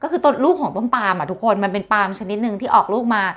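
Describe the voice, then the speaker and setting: A woman talking straight to her viewers in an easy, chatty way. She explains things step by step, mid-pitched, and keeps the talk flowing with polite little tags. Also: lively intonation, very fast. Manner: chatty, polite particles, refers to herself by nickname. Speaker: health talk host.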